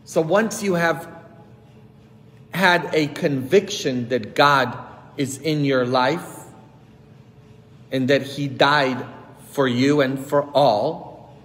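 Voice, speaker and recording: A man in his thirties, a priest giving a sermon on a headset mic, preaching emphatically with big swings in pitch and loudness. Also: slow, long pauses. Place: church sanctuary with long reverb. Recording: hall reverb from church.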